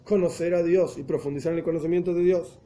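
A man's voice: a little high, fairly even intonation, fast, warm tone, slight background noise. A man teaching a religious text, explaining step by step and often rephrasing himself as he goes. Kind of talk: explanatory lesson in Spanish with Hebrew and Yiddish terms.

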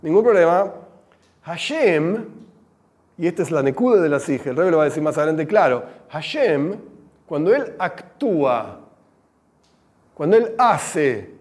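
A man with a Rioplatense accent teaching a religious text lesson, animated and mixing in Hebrew terms. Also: on the high side, a little slow, long pauses. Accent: Rioplatense Spanish. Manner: animated, acts out examples, mixes in Hebrew terms. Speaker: Torah teacher.

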